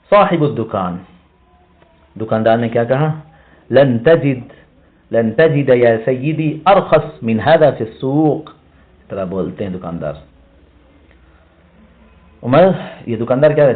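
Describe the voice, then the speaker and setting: A male language teacher explaining a reading passage line by line, repeating words and asking himself questions. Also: mid-range voice. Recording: tinny phone-like sound.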